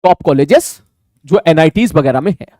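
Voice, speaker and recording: Fast-talking man teaching a live online class. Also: on the high side, expressive, mellow, dry recording, studio quality. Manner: fast-talking, repeats phrases and "thik hai" constantly.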